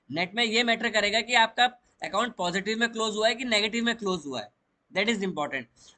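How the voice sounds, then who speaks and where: Bright-voiced man teaching chart trading. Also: sits high. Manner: explains step by step, mixing English trading terms into Hindi. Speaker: stock market trading educator. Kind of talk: chart walkthrough lesson.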